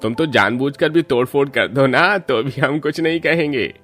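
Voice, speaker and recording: A man voicing a gentle, kind middle-aged father-in-law in a cartoon story, soothing and reassuring. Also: medium pitch, normal speed, soft background music, close to an everyday voice.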